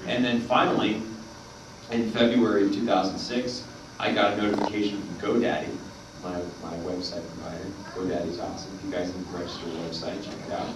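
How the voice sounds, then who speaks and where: Low-voiced and flat, this panel guest moves briskly yet still wanders through a long story loaded with fillers. The recording comes from far off in a noisy, reverberant convention hall.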